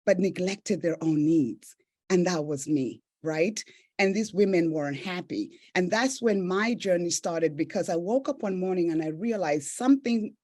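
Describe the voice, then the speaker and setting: On a podcast, a woman from Tanzania and Zambia, East Africa, who runs a business and coaches, recounts her life story with earnest reflection and many "right?" tags. Her voice is warm and mid-range.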